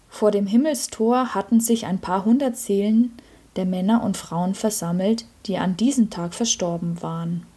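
Dark-voiced woman reading a story. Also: mid-range voice, husky. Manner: lively acted quotes in a raised voice. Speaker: reader.

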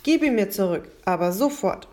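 A woman playing a loud, accusing rich man. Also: medium pitch, lively intonation, moderate pace, lightly acted. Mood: furious. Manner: shouting, blustering.

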